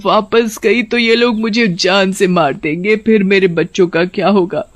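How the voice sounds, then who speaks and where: A woman's voice: medium pitch, unhurried, lightly acted. A woman voicing a cursed witch-hawk mother, pleading and tearful, in a cartoon story.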